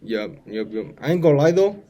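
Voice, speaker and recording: A real estate agent in his twenties co-hosts a podcast, his warm, medium-pitched voice swinging widely in pitch and running a little fast. The talk is a casual, laid-back chat packed with slang, and he keeps saying "you know what I mean."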